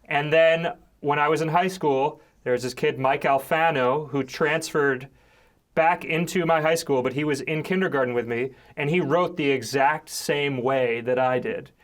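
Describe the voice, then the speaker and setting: A man hosting a casual podcast chat, telling stories in a relaxed, drawn-out way. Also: a little high. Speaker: podcast host.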